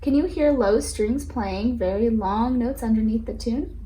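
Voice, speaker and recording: A teacher's mellow voice, on the high side and a little slow, guides listeners through a children's picture book, explaining along the way and asking them questions. The recording carries a roomy echo with some faint background noise.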